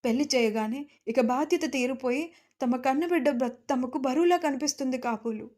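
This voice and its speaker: A woman's voice: sits high, brisk, darkish tone. A woman narrating a first-person audio story with emotion, turning to speak directly to her listeners.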